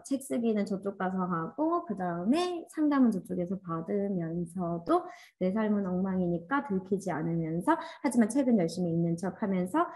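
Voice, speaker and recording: A woman leading an online workshop, speaking in an animated, coaxing way and acting out inner voices as she teaches. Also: medium pitch. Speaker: workshop instructor. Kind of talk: online class lecture.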